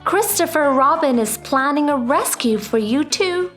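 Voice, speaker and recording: A woman's voice: high voice, lively intonation, measured pace, a bit bright, faint music behind, pitched above the performer's own voice. A woman voicing a helpful male owl in a children's storybook, calling out news in an eager manner. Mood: excited.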